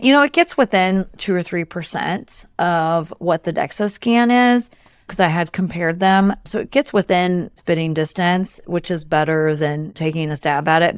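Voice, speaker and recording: A woman co-hosting a podcast, calmly explaining protein and calorie math step by step. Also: fairly low pitch, clean tone, no echo, studio quality. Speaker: podcast co-host, nutrition expert. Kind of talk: casual explanatory chat.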